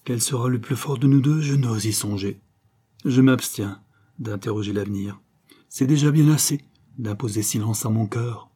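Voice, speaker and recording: A man's voice: mid-range voice, normal speed, warm tone, breathy edge, lightly acted. A man reading as a tormented, dutiful young nobleman. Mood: grave. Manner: sorrowful yet determined. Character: anguished young nobleman hiding his love, resolute.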